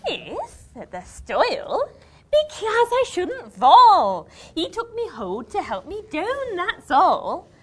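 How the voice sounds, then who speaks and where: A woman's voice: very high voice, wildly swooping pitch, full character voice. A woman playing a teasing young girl, reciting a dialect verse dialogue with a playful, scolding manner. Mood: defensive. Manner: playful, scolding, quick to laugh. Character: young country girl sweetheart, pert and teasing.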